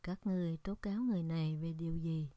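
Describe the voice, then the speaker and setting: Stern male Roman governor, read by a woman; low, warm, dry tone. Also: fast talker, no room sound, natural voice. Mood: questioning. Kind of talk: Scripture reading.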